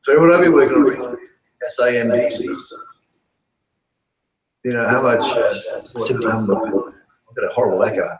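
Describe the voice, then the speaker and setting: A university lecturer heard over a remote call line that breaks up and echoes, talking casually with many pauses and fillers. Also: male voice, medium pitch, crowd noise. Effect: remote call line that breaks up, with echo. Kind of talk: casual video call chat.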